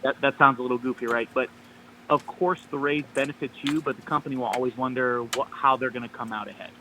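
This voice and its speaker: A man's voice: medium pitch, fairly even intonation, fast, background noise. A man calling in by phone on speaker, giving upbeat step-by-step advice in a casual chat. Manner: upbeat, gives step-by-step tips. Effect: heard over a phone line on speaker. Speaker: caller.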